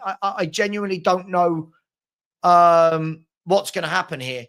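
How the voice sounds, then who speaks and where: A man in his forties hosts a casual football fan livestream, reading and answering viewer comments in a matey way and often repeating words as he thinks aloud. His voice sits high and is a bit bright, and he speaks unhurriedly. The tone is clean, with faint music behind.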